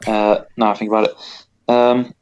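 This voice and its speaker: A man's voice: lowish voice, level tone, normal speed, a little mellow, smooth. A man co-hosting a casual football podcast, rambling and correcting himself with wry asides. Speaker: podcast co-host.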